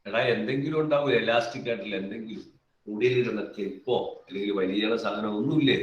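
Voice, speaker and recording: A man's voice: lowish voice, quick pace, lo-fi sound. A man teaching a physics class live online. He calls on students by name, coaxes answers out of them and repeats key phrases over and over. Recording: echoey room, mic far off.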